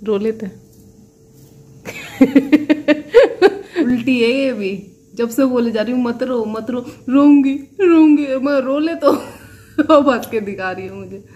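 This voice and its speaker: A woman's voice: sits high, slow pace, long pauses, darkish tone. A woman vlogging casually from her home kitchen, a chatty mother who laughs often and coos playfully at her kids. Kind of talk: casual home vlog chat.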